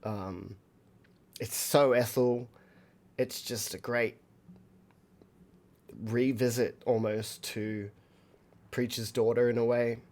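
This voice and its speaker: A man's voice: medium pitch, fairly even intonation, slow, pauses often, darkish tone. An Australian man, a musician streaming a live album reaction, rambling with many fillers and talking to his viewers.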